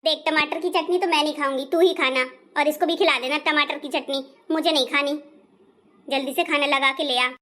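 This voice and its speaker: Woman as older mother-in-law, bossy and scolding, high bright voice, comic skit. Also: steady tone, brisk. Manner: scolding, shouting, insulting.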